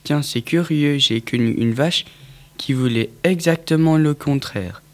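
A man voicing a gentle grandmotherly hen who tells bedtime stories in a children's audiobook. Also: fairly high pitch, unhurried, natural voice.

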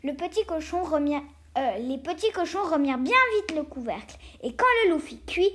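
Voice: sits high, expressive, moderate pace, a bit bright. A child reading a fairy tale aloud, carefully, with small slips and restarts. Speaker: reader.

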